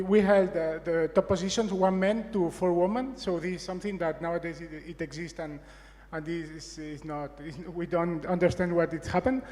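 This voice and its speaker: Corporate male speaker, stop-start delivery, higher register, big reverberant hall. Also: a little mellow. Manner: halting, many restarts and fillers. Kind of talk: conference talk. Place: large conference stage.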